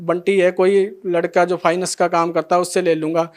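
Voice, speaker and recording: High-voiced man telling his testimony. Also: little pitch movement, fairly quick. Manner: retells scenes by acting out every line of dialogue. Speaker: devotee sharing a testimony. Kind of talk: emotional spoken testimony.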